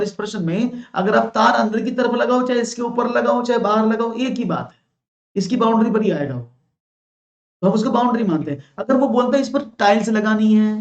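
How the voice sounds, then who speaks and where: A male maths teacher from India leading a live online exam-prep class, praising answers and explaining each step patiently. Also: high voice. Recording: roomy, dull lo-fi sound.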